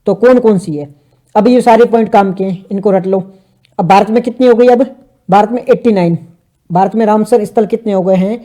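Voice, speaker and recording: Mellow-voiced man teaching current affairs. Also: high voice, moderate pace. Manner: chatty, asks and answers his own questions; mixes English terms into Hindi. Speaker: exam prep teacher.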